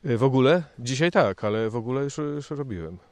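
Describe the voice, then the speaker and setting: A man, an amateur photographer, talking outdoors in a halting, hesitant way. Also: mid-range voice, lively intonation, a little mellow, dry recording.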